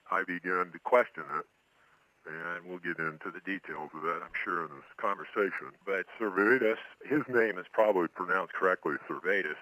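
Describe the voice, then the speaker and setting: A man speaking through a disguised voice as an interview guest, explaining things in a steady, storytelling way. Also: low-pitched, no echo, low-quality recording. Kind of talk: interview conversation.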